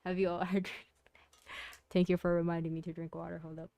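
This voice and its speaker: A young woman casually chats with her stream viewers, soft-spoken and rambling as she thinks out loud. Her voice is a little low for a woman, smooth and clear, with a close, dry, echo-free sound, a level tone, and a brisk pace.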